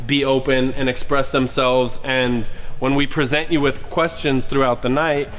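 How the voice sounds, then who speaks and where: A man's voice: mid-range voice, little pitch movement, moderate pace, a bit bright, big-room sound, faint music behind, poor audio. A man hosting a private event, welcoming guests and explaining how the evening works. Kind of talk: addressing a private gathering.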